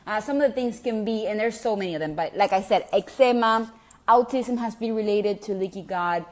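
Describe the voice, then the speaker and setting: A native Spanish speaker from Venezuela, she has a Venezuelan Spanish accent and a medium-pitched, darkish voice that moves a little fast. Talking casually to camera for her online group as a gut health coach, she's chatty and encouraging, often saying um and restarting.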